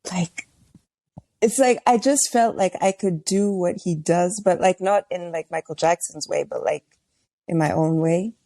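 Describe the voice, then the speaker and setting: A young woman from Tanzania, chatting in a relaxed way as a podcast guest, talking about her music with many fillers. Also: on the low side, a little slow, no room sound. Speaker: guest, R&B singer and songwriting coach. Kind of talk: casual chat.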